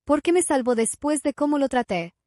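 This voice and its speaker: Woman reads a hoarse, weak, ashamed old man in a storybook; high voice. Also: lively intonation, brisk, mellow, no echo, clean studio sound. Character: weak, ashamed older wealthy man in hospital bed.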